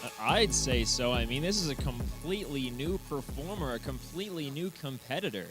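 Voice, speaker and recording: A male color commentator banters live through a wrestling show. He is brash and exclamatory, full of opinions, and his mid-pitched voice jumps around a lot. Music plays clearly in the background. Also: lively intonation, fairly quick, low-quality recording.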